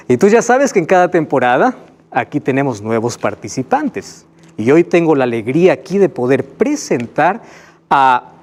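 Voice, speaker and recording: Lively Peruvian pastor hosting. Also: male voice, medium pitch. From Peru. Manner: friendly, lively introductions of guests. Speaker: pastor and host. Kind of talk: hosting a Bible study program.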